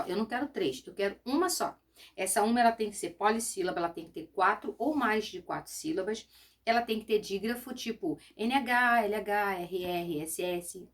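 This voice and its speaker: Patient woman teaching a Portuguese lesson. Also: fairly high pitch. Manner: patient, explains step by step with many "né?" and "lembra?". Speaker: schoolteacher. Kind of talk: recorded remote Portuguese lesson.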